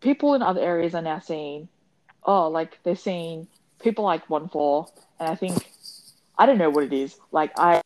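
A young woman with a Western Sydney Australian accent and a slightly low voice talks like a brash podcast co-host. Her chat is casual, sweary and packed with Aussie eshay slang. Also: expressive, normal speed, darkish tone, rough recording.

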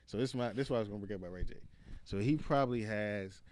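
A man's voice: on the low side, rapid-fire, a little mellow. A man, talking casually with slang, swearing and repeated phrases for emphasis. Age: late 20s. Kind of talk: casual group chat.

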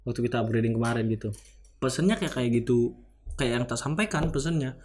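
A man's voice: mid-range voice, animated, fast, a little mellow. A young man, a student organization leader, answering interview questions in a rambling way, full of filler tags. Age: young adult.

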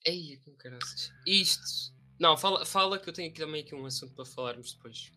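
A man's voice: fairly high pitch, quick pace, pushed and bright, soft background music. A young man with a European Portuguese accent, co-hosting a live stream in casual, slangy chat. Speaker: live stream and podcast co-host.

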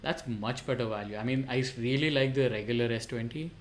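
A man's voice: medium pitch, brisk, a little hiss or hum. A man co-hosting a tech podcast, blunt and exasperated, swearing often. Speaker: podcast co-host. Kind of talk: casual tech podcast chat.

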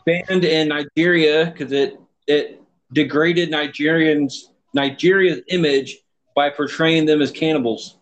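A man's voice: fairly high pitch, fairly even intonation, measured pace, rough recording. A man from Texas hosting a casual podcast chat, stumbling over words and swearing freely. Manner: stammering, profane, restarts often. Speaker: podcast host. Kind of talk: casual banter.

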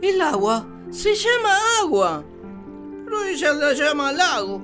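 A woman's voice: sits high, big pitch swings, a little slow, over music. A woman voicing Adam, the first man, grumbling dryly about his companion. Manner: dry, grumbling complaints. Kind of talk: radio drama acting.

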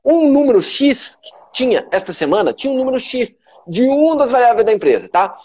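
Talking to his followers on a motivational live stream, this Brazilian Portuguese-accented man is emphatic, repetitive and openly profane. He sounds very high-pitched and sing-song, a little mellow, and moves a little fast.

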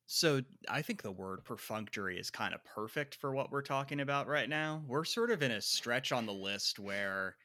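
Jersey guy on a podcast, bright lowish voice, dry close sound, kinda hedgy and repeats himself. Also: expressive, normal speed, hardly any pauses, dry recording. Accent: New Jersey. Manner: thoughtful, hedging, repeats words while thinking. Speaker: podcast co-host. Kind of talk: casual film discussion.

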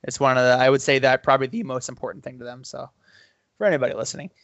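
A man's voice: mid-range voice, rapid-fire, vocal fry, dry recording, muffled recording. A man co-hosting a podcast, chatting casually and reading out fan questions. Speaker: podcast co-host.

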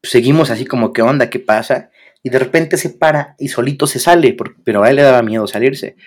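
A man's voice: medium pitch, a little fast. A young man with a Mexican accent, co-hosting a podcast and casually telling a story with lots of slang and acted-out quotes. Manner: animated, slangy, acts out quoted voices. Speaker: podcast co-host.

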